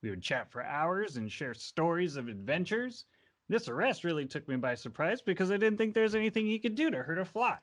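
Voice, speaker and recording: A man's voice: high-pitched, sing-song, fairly quick, voice pushed up. A man playing a boozy, cheerful retired male innkeeper who rambles on in a tabletop game. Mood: fond. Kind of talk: tabletop role-play.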